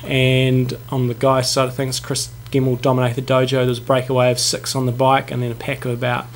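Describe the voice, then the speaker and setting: A New Zealand man with a creaky, gravelly voice gives casual race reports as a co-host. He explains haltingly, often doubling back on his words. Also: medium pitch, completely flat delivery. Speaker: co-host of a triathlon show.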